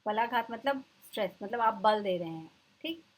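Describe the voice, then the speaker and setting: Husky-voiced woman teaching a lecture. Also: medium pitch, animated, rough recording. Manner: explanatory, repeats terms slowly for students. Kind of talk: exam-prep lecture.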